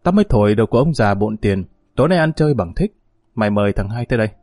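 A man voicing a brash young male hoodlum who talks in a rough, bossy swagger. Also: on the low side, expressive, racing, a little mellow, dry recording, clean studio sound.

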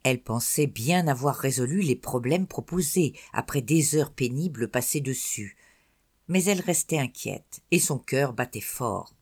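Audiobook narrator reading a novel, mid pitch, measured and expressive. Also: breathy edge. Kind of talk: scripted literary narration.

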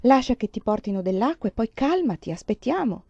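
A woman voicing a calm, detached male doctor who speaks in a matter-of-fact way. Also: fairly high pitch, fairly quick, gravelly, no room sound, lo-fi sound, voice pushed up, heavily acted.

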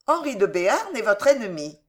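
A woman's voice: medium pitch, very animated, lightly acted. A woman voicing an icy scheming queen mother. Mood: persuasive. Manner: measured, persuasive, coolly triumphant. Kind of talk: audiobook character reading.

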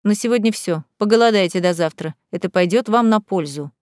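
Woman doing a sneering middle-aged male butler, lowered voice, slow and contemptuous, storybook reading, dry close sound. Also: a little mellow, no echo, lightly acted. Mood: weary scorn. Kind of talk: audiobook reading.

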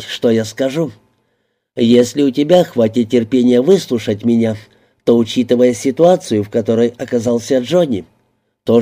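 A man's voice: mid-range voice, lightly acted. A man playing a smug, coercive man. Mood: cold. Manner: slow, even, coaxing menace. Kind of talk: audiobook reading.

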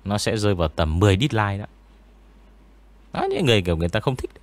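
A man's voice: on the low side, quick pace, no room sound. A man who narrates ghost stories, chatting casually in an interview with many fillers. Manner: relaxed, rambling, many fillers.

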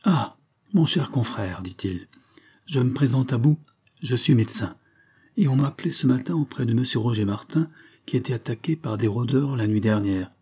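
A man's voice: lively intonation, moderate pace, mellow, breathy edge. A man reading a story, voicing a grave male doctor who sometimes drops his voice almost to a whisper. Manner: grave, lowered to a whisper at times.

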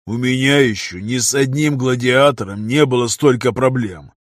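A man's voice: medium pitch, dry recording, clean studio sound, close to an everyday voice. A man playing Darius, a stern gladiator master. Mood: stern weary. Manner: slow, stern, loud and commanding. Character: stern weary male gladiator owner. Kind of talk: audiobook character voice.

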